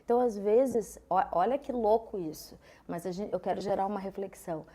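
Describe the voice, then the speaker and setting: A woman's voice: medium pitch, fairly quick, warm tone. A woman, a journalist guest on a podcast, explaining her views in an earnest, reflective way. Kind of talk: casual podcast chat.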